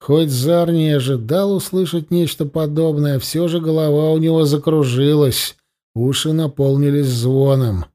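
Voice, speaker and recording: Slow, measured male audiobook narrator. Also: on the high side, fairly even intonation, dark tone. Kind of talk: scripted narration of a fantasy novel.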